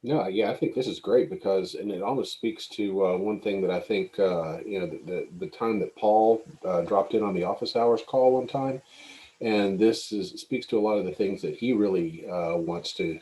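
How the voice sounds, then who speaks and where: A man's voice: low-pitched, moderate pace, warm tone, low-quality recording. A man talking casually on a call, hesitant and using many fillers like "uh, you know". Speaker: community member on the call. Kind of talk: casual livestream discussion.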